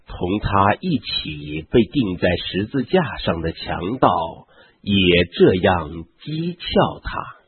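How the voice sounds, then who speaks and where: A man slowly reading a Bible passage aloud in a measured way, with a husky voice. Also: fairly low pitch, big pitch swings, dry recording. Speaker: scripture reader. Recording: tinny phone-like, dry sound.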